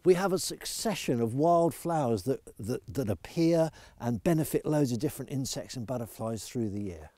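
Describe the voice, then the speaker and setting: A middle-aged man from the UK explaining wildlife habitat outdoors in a clear, enthusiastic instructional manner, on a lapel mic. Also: mid-range voice, animated, normal speed, hardly any pauses, mellow, dry recording. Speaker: conservation educator. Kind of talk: instructional nature film. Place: outdoors in grass fields.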